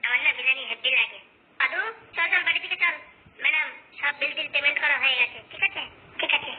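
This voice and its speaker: A woman's voice: sits high, a little hiss or hum, close to an everyday voice. A woman voicing squabbling cartoon villagers, tinny. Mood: bickering banter. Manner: rapid, scolding, rustic banter. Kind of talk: Bengali cartoon dialogue. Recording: tinny phone-band audio.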